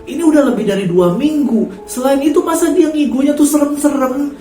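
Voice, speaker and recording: A man voicing a shrill, frantic, bossy mother-in-law who scolds her daughter-in-law. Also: a little fast, mellow. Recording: echoey room, faint music.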